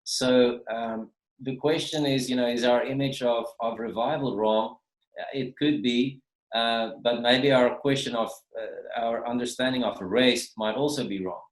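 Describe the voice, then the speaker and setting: A man's voice: mid-range voice, steady tone, unhurried. A man speaks as a minister in an easygoing teaching session. His voice sits in a middle register and he wanders through his points, doubling back on words. The sound comes over a video call from a reverberant room. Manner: rambling, restarts and repeats words. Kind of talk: casual spoken teaching. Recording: roomy video call audio.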